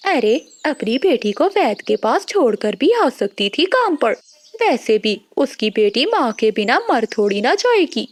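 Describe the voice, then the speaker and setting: A woman's voice: fairly high pitch, very animated, unhurried, no echo. A woman voicing a greedy, quarrelsome female crow landlady in a cartoon, scolding in a harsh, bossy way. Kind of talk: Hindi cartoon voice acting.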